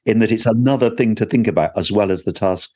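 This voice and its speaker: A man's voice: on the low side, fast, darkish tone. A man from Britain co-hosting a wellbeing podcast, speaking hesitantly as he searches for his words. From United Kingdom. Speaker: podcast co-host. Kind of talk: casual podcast discussion.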